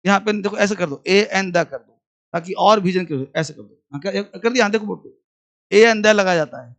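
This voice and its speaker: Brief: male classroom teacher, high-pitched, drills and dictates slowly. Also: fairly bright tone. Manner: repeats phrases slowly for dictation; questions the class and answers himself. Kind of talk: classroom grammar lesson.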